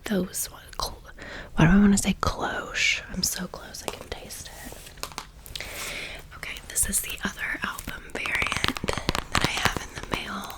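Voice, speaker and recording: A woman chatting casually in an excited, gushing whisper for an ASMR video, with playful slang. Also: mid-range voice, unhurried, poor audio. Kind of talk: whispered ASMR merch haul chat.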